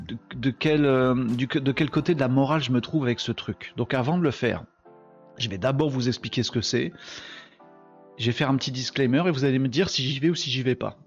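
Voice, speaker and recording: A man's voice: mid-range voice, lo-fi sound. A tired man hosting a daily live stream, chatting casually and joking with viewers he greets by name.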